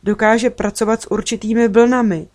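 A woman reading the lines of a calm, kind girl who explains things gently and matter-of-factly. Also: fairly high pitch, lightly acted. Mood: explaining gently. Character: calm, caring girl friend with a secret gadget.

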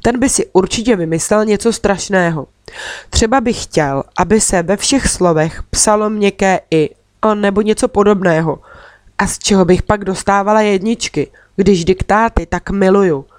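A woman narrates a children's story in a steady, expressive voice of middling pitch. She sits close to the mic and the sound is dry, with no room echo. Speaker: audiobook reader.

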